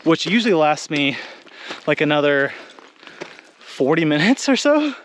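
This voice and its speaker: Excited breathless man hiking outdoors. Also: fairly high pitch, unhurried, slight background noise. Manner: excitable, exclaims often. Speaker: vlogger exploring ruins. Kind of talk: excited on-the-spot hiking commentary. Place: outdoors on a hilltop. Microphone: handheld camera mic.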